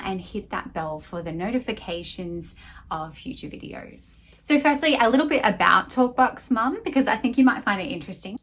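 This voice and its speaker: A woman in her thirties hosts a homeschool channel, speaking casually to camera from a small room at home as she reviews a language curriculum. Her voice is mid-range and a bit bright.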